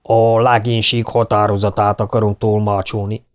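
A man's voice: on the low side, level tone, lightly acted. A man voicing a huge male sailor who speaks for the crew in a blunt, challenging way. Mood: defiant. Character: giant male sailor, defiant spokesman of crew.

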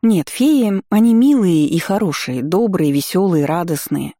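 Mellow, expressive audiobook narrator. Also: medium pitch, a little slow, dry recording, studio quality. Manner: lively, expressive storytelling. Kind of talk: first-person audiobook narration.

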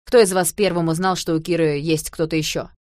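A wry young husband, read by a woman who jokes his way through rising worry. The voice sits fairly low and close, with a dry, close-up sound, as in an audiobook. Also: steady tone, brisk, a little mellow, no room sound, natural voice. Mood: wry, alarmed. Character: young adult man, wry, increasingly worried husband.

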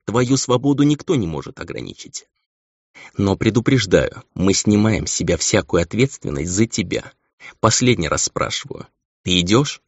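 A man's voice: fairly low pitch, big pitch swings, normal speed, dry recording. A man reading an audiobook, voicing a haughty female battle angel who talks with scorn and command. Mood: stern. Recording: dull lo-fi audio.

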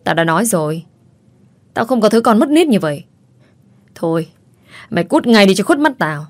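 A woman's voice: fairly low pitch, moderate pace, no room sound, close to an everyday voice. A woman voicing a furious, spiteful middle-aged stepmother who screams insults, in a storybook reading. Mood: enraged.

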